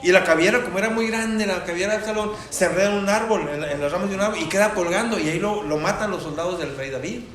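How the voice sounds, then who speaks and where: A man's voice: sits high, reverberant. A man preaching a sermon in a church, telling a story full of rhetorical questions. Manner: animated storytelling with rhetorical questions, turning soft and slow. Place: church hall.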